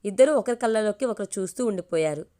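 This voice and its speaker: A woman narrating a family story in a calm, steady storytelling voice. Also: mid-range voice, quick pace. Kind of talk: reading a family story aloud.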